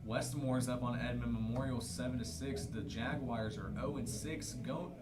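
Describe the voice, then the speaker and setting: A young man giving color commentary for a high school football livestream, explaining plays and reading out other scores. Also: fairly even intonation, normal speed, over loud music. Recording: roomy sound with noise.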